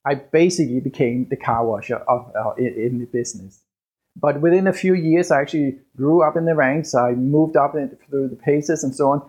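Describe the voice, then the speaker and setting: A man with a noticeable Danish accent talks through his own business podcast, pausing and restarting as he goes. His voice sits at an ordinary pitch and carries a husky, slightly rough edge. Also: darkish tone. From Denmark. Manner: hesitant, with fillers and restarts, conversational. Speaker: podcast host and business coach. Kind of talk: solo podcast monologue.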